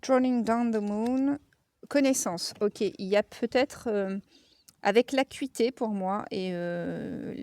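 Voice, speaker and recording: A woman's voice: medium pitch, warm tone, no echo. A woman with a Lorraine French accent giving a casual oracle card reading, chatty and frank, with frequent fillers.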